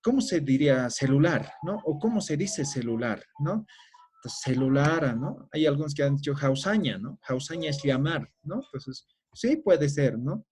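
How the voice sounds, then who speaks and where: A middle-aged man lecturing in a patient, explanatory way, tagging short questions onto his sentences to keep the class with him. His voice sits a bit high for a man and has a husky edge. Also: lively intonation, normal speed, darkish tone. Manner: explanatory, tag questions after each phrase. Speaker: language teacher.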